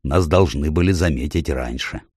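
A man voicing a grumpy, blunt adult male dwarf soldier in an audiobook, muttering in a hushed, husky voice. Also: very deep voice, normal speed, dry recording, clean studio sound. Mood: grumbling whisper. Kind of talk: audiobook character voice.

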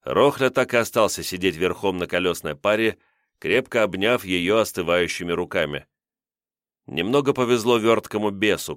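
A man narrating an audiobook in a steady, grave reading style. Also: low-pitched, clear, resonant tone, no echo, clean studio sound. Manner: steady, grave reading of a wartime crime novel. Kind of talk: scripted narration.

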